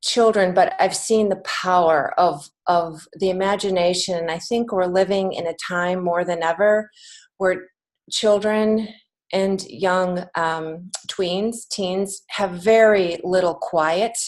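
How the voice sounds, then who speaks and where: A podcast guest who writes children's books and teaches creative writing speaks slowly in a lowish, steady voice. She's American and explains things earnestly in a conversational interview.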